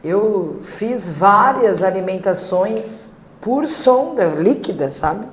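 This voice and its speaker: A Brazilian woman telling her family story as a podcast guest, halting and emotional, with many fillers. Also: mid-range voice, lively intonation, slight background noise. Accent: Brazilian Portuguese. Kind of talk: personal testimony in a podcast. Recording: echoey room.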